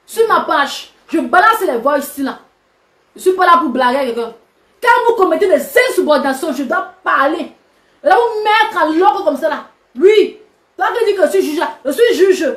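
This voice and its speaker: High-voiced woman scolding viewers. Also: lively intonation, normal speed, a bit bright. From Cameroon. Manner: scolding, combative, mocking. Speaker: social media personality addressing subscribers. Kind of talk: live video rant. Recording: roomy echo.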